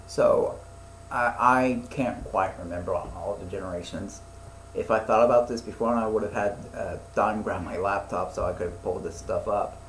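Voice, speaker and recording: This podcast co-host, a man in his twenties, speaks on the low side at a normal speed. His casual chat rambles, turns a little profane, and is full of fillers, recorded in an echoey room with faint background noise.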